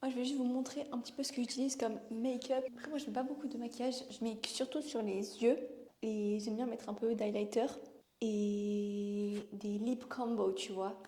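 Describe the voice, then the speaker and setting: A woman's voice: on the high side, steady tone, a little fast, dark tone. Chatty young woman vlogging, with a regional French accent. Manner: chatty, rambling with fillers. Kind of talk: casual vlog chat.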